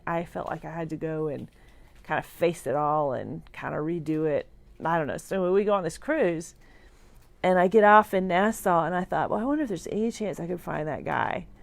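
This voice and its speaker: A middle-aged woman speaks from a hospital room, weak and drowsy after surgery. Her voice sits slightly low and has a lot of vocal fry. She talks in a halting, sincere ramble, as in a personal livestream, and sometimes trails off. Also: a little mellow, dry recording. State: weak and groggy after surgery, on pain medication. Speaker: vlogger sharing a personal update.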